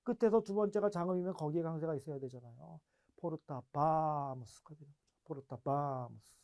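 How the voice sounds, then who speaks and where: A man's voice: a little high, a little fast. A man teaching an online grammar lecture in a chatty classroom way, asking rhetorical questions and repeating drilled word forms. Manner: chatty, explaining in a lively classroom way.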